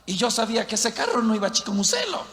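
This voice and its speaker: A man preaching a sermon, emphatic, asking the crowd questions and swinging between shouts and hushed talk. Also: very high-pitched, huge pitch swings, fast talker, in a large hall. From southern Mexico near the Guatemala border.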